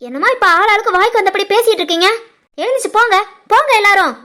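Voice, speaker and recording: A woman voicing a quick-tempered older mother-in-law who scolds and shoos the family away in an animated family story. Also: extremely high pitch. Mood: scolding. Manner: sharp scolding, shooing people off.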